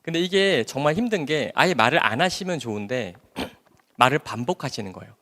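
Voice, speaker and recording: Animated man giving a church testimony. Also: mid-range voice, fairly quick. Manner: emotional, animated storytelling. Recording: long hall reverb.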